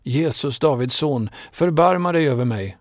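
A man voicing a blind male beggar, pleading in a raised, higher voice. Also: no room sound, studio quality, natural voice.

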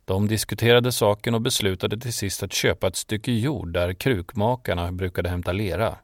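Low gravelly guy reading scripture story, dry close sound, calm and steady. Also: no room sound. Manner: measured, solemn storytelling. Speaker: narrator. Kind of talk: scripted Bible narration.

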